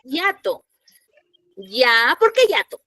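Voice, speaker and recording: A woman with a high, bright voice teaches a secondary school language class online. She keeps asking her students questions and goes back over each rule. The sound is dry and close, with no room echo. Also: sing-song, slow. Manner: questioning, repeats key points for students. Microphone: computer mic in an online class.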